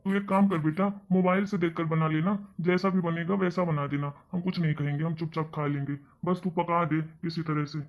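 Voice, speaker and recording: A man's voice: fairly high pitch, steady tone, fairly quick, hardly any pauses, natural voice. A man voicing a grumpy older father in a cartoon story, grumbling and scolding. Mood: coaxing. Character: grumpy older father, husband of the mother-in-law. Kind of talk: cartoon voice acting.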